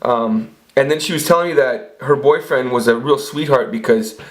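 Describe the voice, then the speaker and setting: This vlogger is a man in his forties with a medium-pitched voice and a moderate pace, captured on a low-quality recording. He tells profane, meandering stories off the cuff, often restarting what he's saying.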